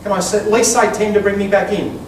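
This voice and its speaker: High-pitched Australian male auctioneer, very echoey. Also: fairly even intonation, fast talker. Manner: projected, insistent, repetitive number calling with polite "sir". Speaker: real estate auctioneer. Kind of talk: live auction calling, bid patter. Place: live auction before bidders. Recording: echoey, distant mic, faint background noise.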